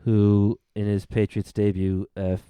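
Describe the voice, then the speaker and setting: A man's voice: lowish voice, level tone, a little slow, mellow, smooth, dry recording. A man with a Cork accent from Ireland, co-hosting a sports podcast and casually running through updates. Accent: Irish, Cork. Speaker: fantasy football podcast co-host.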